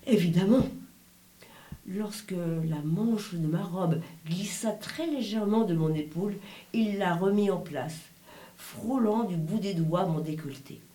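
A woman narrating her own story in the first person, wry and expressive. She takes her time over every sentence. The room gives her voice an audible echo. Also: mid-range voice. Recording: roomy echo.

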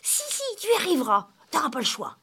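Jeune fantôme intrépide et autoritaire, joué par une femme, voix légèrement voilée. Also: female voice, low-pitched, takes it slowly, breathy edge, pitched below the performer's own voice, heavily acted. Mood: bossy. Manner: excited, bossy. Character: bold young ghost girl, a bit proud.

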